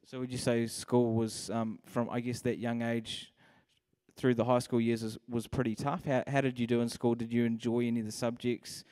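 A man's voice: medium pitch, level tone, moderate pace, a little mellow. A man in his thirties hosting an on-stage interview, upbeat but stumbling on fillers, speaking into a handheld mic. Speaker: host. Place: large hall with stage and audience.

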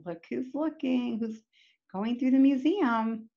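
A storytime reader, a middle-aged woman, reads a picture book expressively to young children, speaking to them with questions and asides. Her voice is on the high side and creaky, and she takes her time. The lo-fi recording was made indoors in a home room with bookshelves.

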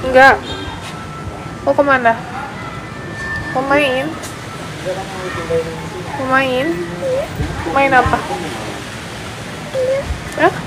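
A woman talks slowly in a high voice on a phone live stream. She teases the people around her and coaxes a small child gently. Road and vehicle noise runs clearly under the recording. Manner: teasing, then coaxing and soothing a crying child. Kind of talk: casual live-stream chat.

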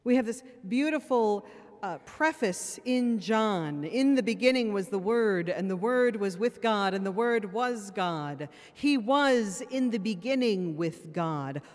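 A woman priest preaches a sermon into a pulpit microphone in a church, her mid-range voice animated, unhurried and slightly mellow. She is earnest and plain-spoken, adds wry asides, and sounds a bit tired, with a long church reverb on the recording.

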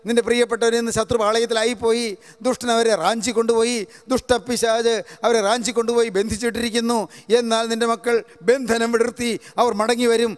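A man's voice: very high-pitched, flat delivery, fairly quick, clear, resonant tone. A middle-aged man preaching a televised sermon, repeating each verse after a reader and piling up blessings in fervent, chant-like lines. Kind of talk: televised sermon with Bible reading. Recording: reverberant hall sound.

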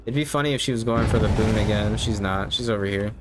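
A man's voice: fairly low pitch, quick pace. Easygoing man commentating over game noise. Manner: easygoing, musing to himself as he plays. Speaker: game streamer. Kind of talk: casual live gameplay commentary. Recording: clear background game noise. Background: game ambience.

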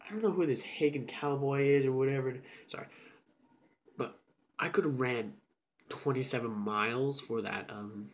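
A young man telling a personal story in a casual, animated way, dropping into whispers and then jumping up loud. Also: medium pitch, slight background noise. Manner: animated, with sudden whispers and shouts.

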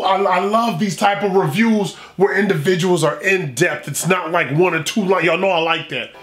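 Reading reviews aloud for his food vlog, a middle-aged man keeps up playful, emphatic remarks and repeats himself. His tone is fairly bright and his pitch on the high side, and the echoey recording comes from a small furnished room indoors.

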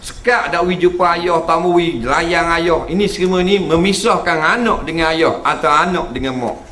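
A man's voice: on the high side, normal speed. Man lecturing. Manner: keeps checking in with the audience; lively, acts out quoted voices. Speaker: religious lecturer. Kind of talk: humorous religious lecture. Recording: echoey hall recording.

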